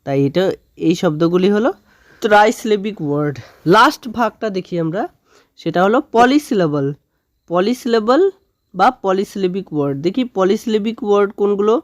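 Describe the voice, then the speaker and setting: A woman teaching a grammar lesson for children, slowly sounding out words syllable by syllable and often checking in with her students. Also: medium pitch, expressive. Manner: slow drawn-out spelling of words, syllable by syllable; frequent "okay?" check-ins with students.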